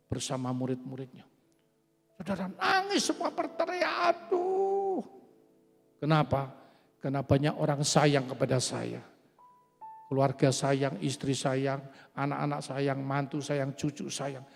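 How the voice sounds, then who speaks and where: A man's voice: medium pitch, gravelly. A man in his seventies preaching a sermon, giving testimony and often calling out to the congregation. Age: 70s. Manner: emphatic, often addresses the congregation directly. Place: church hall. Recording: echoey church hall with faint music.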